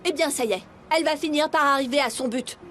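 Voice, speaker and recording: A woman's voice: high voice, quick pace, a bit bright, a little hiss or hum. A woman dubbing a bitter, vengeful middle-aged daughter in a TV drama, speaking intensely and accusingly. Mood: stern. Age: 40s. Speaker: dub actress. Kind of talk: French dub of a TV drama.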